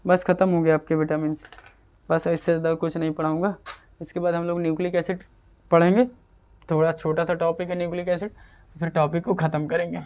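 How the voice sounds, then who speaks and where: A man's voice: fairly high pitch, little pitch movement, brisk, darkish tone, clear, resonant tone. A man giving a casual exam-prep chemistry lecture, repeating terms and asking and answering his own questions. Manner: repetitive drilling, asks and answers own questions. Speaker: chemistry teacher.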